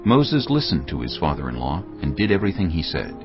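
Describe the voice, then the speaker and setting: A man narrating scripture in a steady, measured, grave manner. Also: rumbling low. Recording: dull lo-fi with music bed. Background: music.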